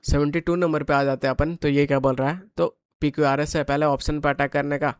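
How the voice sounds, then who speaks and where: A male exam tutor with an Indian English accent and a fairly high voice, switching into casual Hinglish between questions. He reads the English sentences aloud slowly before breaking them down. The recording is dry and close, with almost no room sound. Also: level tone, smooth, dry recording, poor audio. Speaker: exam coaching teacher. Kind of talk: exam paper solution lesson.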